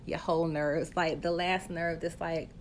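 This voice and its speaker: A woman's voice: deep voice, little pitch movement, normal speed, crowd noise. A woman hosting a casual live stream on her phone, chatty and playful, reading viewer comments and talking straight to her audience. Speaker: host of a live stream, health coach.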